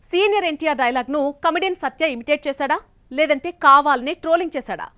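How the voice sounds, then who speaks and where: A woman's voice: high voice, fast talker, sharp tone. A woman news anchor introducing stories with questioning headlines.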